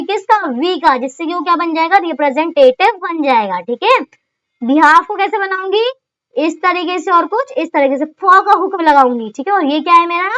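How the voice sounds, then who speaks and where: Very high-voiced woman teaching shorthand. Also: sharp tone, no echo, low-quality recording. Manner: keeps asking "okay?" and answering her own questions; mixes English terms into her Hindi. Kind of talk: step-by-step classroom explanation.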